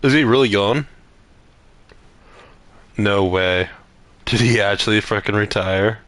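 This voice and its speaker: A man's voice: fairly low pitch, takes it slowly, fairly bright tone, no echo. A man doing casual gameplay commentary, talking to himself and to the game as he plays. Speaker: gamer.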